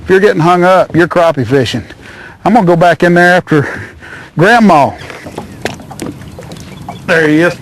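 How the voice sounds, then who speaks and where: A middle-aged man hosts a fishing show from a small boat on a lake, excitedly hollering and cooing at the fish as he reels them in. His voice is high, at normal speed with long pauses and no echo.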